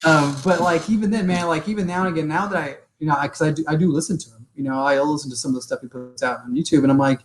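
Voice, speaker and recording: A man's voice: a little high, very fast, hardly any pauses, low-quality recording. A man around forty hosting a podcast in casual chat, loose and chatty, swearing freely and tagging his points with "right?". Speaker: podcast host.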